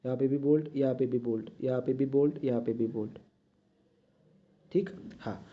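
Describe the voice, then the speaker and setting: The recording is dull and lo-fi. A man with a medium-pitched, steady voice speaks at normal speed while he draws, teaching the lesson and frequently asking "right?"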